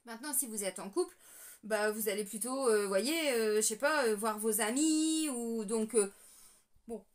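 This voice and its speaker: A woman with a slightly high voice talks through a tarot reading in a loose, conversational way. She hesitates often and fills pauses while speaking directly to her viewers. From France. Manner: chatty, hesitant, many fillers, addresses viewers as friends. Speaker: tarot reader. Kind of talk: casual tarot reading to camera.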